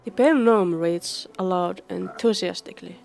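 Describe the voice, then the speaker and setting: A woman reading a role-playing video game aloud, narration and choices alike, with pauses. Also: on the low side, gravelly, a little mellow, faint music behind. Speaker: game streamer.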